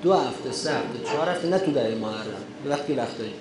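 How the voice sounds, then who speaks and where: A man's voice: mid-range voice, animated, echoey room, background noise. A man, a cleric, lecturing and answering questions, getting emphatic and preacher-like when he drives a point home. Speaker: cleric lecturing on running religious gatherings.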